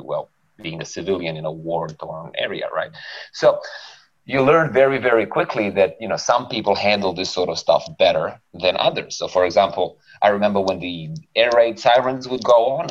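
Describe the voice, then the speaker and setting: A man, a guest psychologist chatting casually on a podcast, relaxed and swearing freely, often ending points with "right?". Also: low voice, slightly rough. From Serbia. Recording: dull lo-fi podcast audio.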